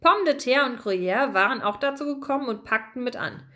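A woman narrating a children's storybook in an expressive, lively reading voice. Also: high voice, normal speed.

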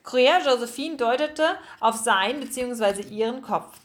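A woman narrating a children's audiobook in a gentle, clear storytelling manner. Her voice sits a little higher than most. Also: animated, normal speed. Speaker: audiobook reader.

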